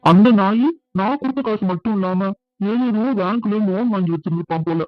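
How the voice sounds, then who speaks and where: An earnest, middle-aged village family man in a cartoon, played by a man. His voice sits fairly high for a man and carries a plain, conversational manner. The recording is dry and a bit dull, like a lo-fi studio dub. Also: brisk, dry recording, faint music behind, close to an everyday voice. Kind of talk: cartoon dubbing.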